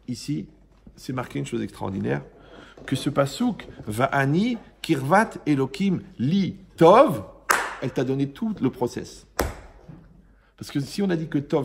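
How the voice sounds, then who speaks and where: A man's voice: medium pitch, vocal fry, darkish tone, slight background noise. A man, a rabbi, giving an informal Torah lesson to a live audience, joking and quizzing his listeners as he goes. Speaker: rabbi teaching a class.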